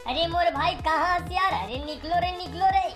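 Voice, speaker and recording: A woman's voice: extremely high pitch, moderate pace. A woman voicing a teasing male village friend in a cartoon comedy, speaking with a Chhattisgarhi accent and bantering constantly. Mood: cheeky. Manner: bantering, calls out "arre yaar" often. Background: background music.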